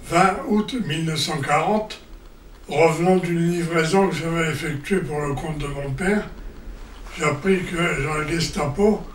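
Old breton guy telling his story steady, slightly high voice, faint hiss behind. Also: distant mic. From Brittany, France. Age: older. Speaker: former resistance member giving testimony. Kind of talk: documentary testimony. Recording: echoey hall, heard from afar.

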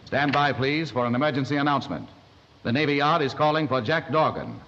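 An actor playing a male radio announcer who reads urgent bulletins in a formal, measured way, heard over an AM radio set. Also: mid-range voice, very animated, a bit bright. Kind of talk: 1930s film acting, broadcast announcement. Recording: dull hissy 1930s film sound.

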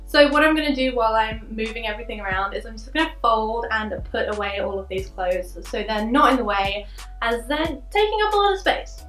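Faint music plays behind a young woman whose slightly high, somewhat bright voice moves at a brisk clip. She's a lifestyle vlogger in her young adult years, cheerfully explaining how she cleans her bright bedroom indoors through voice-over and direct-to-camera segments.

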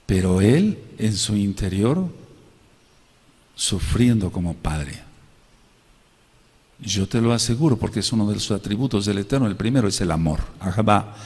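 A man preaching a sermon from the pulpit, his low voice ringing out with long reverb through a hall. He swings from loud, fervent cries to quiet, hushed storytelling. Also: expressive, normal speed, long pauses, husky. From Mexico. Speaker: pastor.

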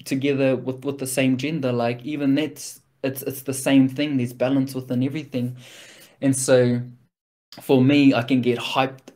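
A man from New Zealand with a broad Kiwi accent speaks at a middling pitch. He talks casually and earnestly, reflecting in a motivational style, using slang and often checking in with a short question. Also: darkish tone. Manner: earnest, informal, peppered with slang and rhetorical "right?".

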